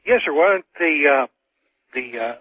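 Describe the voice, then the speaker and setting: A man's voice: fairly high pitch, lively intonation, moderate pace, breathy edge, no room sound. A man calling in to a radio show, stumbling and groping for words. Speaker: caller. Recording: tinny dry phone line.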